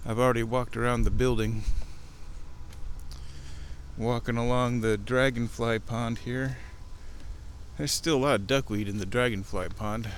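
A man's voice: medium pitch, steady tone, a little slow, pauses often. A man hosting a casual show, narrating his walk outdoors in a rambling, observational way. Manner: rambling observational chat while walking. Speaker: podcast host and chairman. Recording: breezy outdoor noise while walking. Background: light wind and outdoor ambience.

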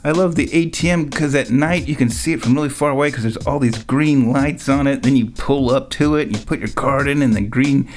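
A man's voice: medium pitch, a little fast, hardly any pauses, a little hiss or hum. A man hosting a show with a casual, rambling, wryly musing monologue full of asides. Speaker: show host.

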